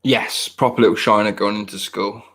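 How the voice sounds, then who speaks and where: A podcast host in his thirties chats casually, rambling, poking fun at himself, and restarting often. His voice is lowish, husky, and a bit bright, with a steady tone at normal speed.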